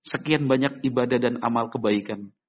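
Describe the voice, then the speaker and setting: A man preaching an Islamic sermon in an animated way, acting out short dialogues in a raised voice. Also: normal speed. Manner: animated, acts out little dialogues with raised pitch. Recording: dull lo-fi recording.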